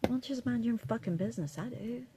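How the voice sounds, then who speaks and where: Very noisy audio carries a fast, fairly high-pitched voice from a middle-aged woman with an Appalachian West Virginia accent. She's a vlogger rambling casually to her viewers, blunt, defiant, and full of swearing.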